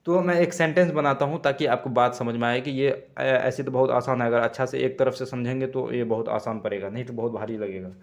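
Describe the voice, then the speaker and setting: A man teaching basic words in a casual spoken lesson, halting and correcting himself, repeating each word slowly. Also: mid-range voice, steady tone. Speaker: language teacher. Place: Tamil-speaking region.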